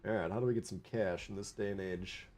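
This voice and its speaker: A man's voice: low-pitched, steady tone, fast, a little mellow. Chatty man with a Minnesota accent streaming gameplay. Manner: chatty, wisecracking, reads viewer chat aloud. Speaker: livestream gaming host. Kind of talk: casual live gameplay commentary.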